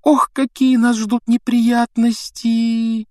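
A man voicing an anxious, clever teenage girl in a shrill, panicky voice. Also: little pitch movement, slow pace, a little mellow, no echo, studio quality. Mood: frightened.

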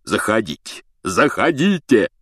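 A big, soft-hearted gamekeeper with a hoarse, halting voice, as a male reader puts him on. He talks very slowly in a low register. The audiobook recording is dry and close. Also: no room sound, exaggerated voice. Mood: overjoyed. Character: huge gruff man, soft-hearted gamekeeper.

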